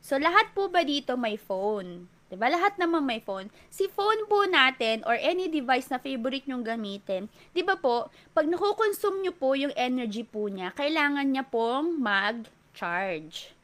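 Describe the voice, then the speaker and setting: A woman's voice: high-pitched, very animated, a little slow, fairly bright tone. A Filipino-accented woman fitness trainer giving a polite talk to an audience, often asking rhetorical questions. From Philippines.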